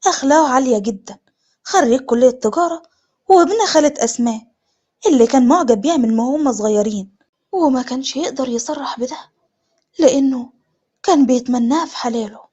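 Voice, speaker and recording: امرأة تحكي قصة بلهجة مصرية وبأسلوب حيوي معبّر. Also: female voice, high voice, quick pace, pauses often, dark tone, breathy edge, muffled recording. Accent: Egyptian. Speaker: storyteller. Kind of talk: story narration.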